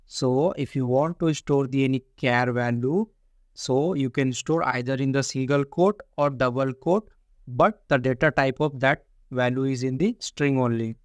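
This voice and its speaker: A programming tutor, a man with a mid-range voice, talks at a moderate pace in a screen-recorded coding lesson. The sound is dry and close, with no room sound. He is repetitive, going through things step by step and often saying "see" and "only."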